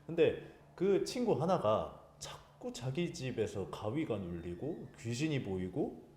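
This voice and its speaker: Animated man telling a ghost story. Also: mid-range voice, measured pace, echoey room, slight background noise. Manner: animated, acts out his friends' lines and his own shouting. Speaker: guest storyteller.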